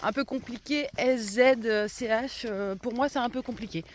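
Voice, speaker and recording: A woman's voice: fairly high pitch, moderate pace. Lisping woman vlogging on a noisy walk. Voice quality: slight lisp. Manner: musing aloud to herself and viewers. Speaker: hiker vlogging her walk. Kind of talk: casual spoken vlog while walking. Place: outdoors on a country trail. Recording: clear background noise, outdoor walk.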